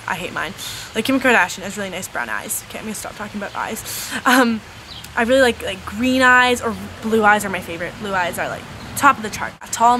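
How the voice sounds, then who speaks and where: A woman's voice: on the high side, sharp tone, a little hiss or hum. A teenage girl vlogging from home, chatting casually through a beauty tag in a rambling way, with lots of ums and likes. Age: teens. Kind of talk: casual chat answering a tag.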